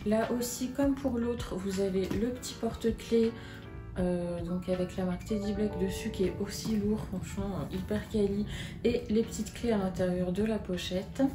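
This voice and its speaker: A woman's voice: mid-range voice, steady tone, normal speed. A young woman casually chatting in a vlog, showing purchases and unboxing a bag, hesitant and full of fillers. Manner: chatty and hesitant, with many fillers and little interjections. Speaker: vlogger. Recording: roomy sound with music behind.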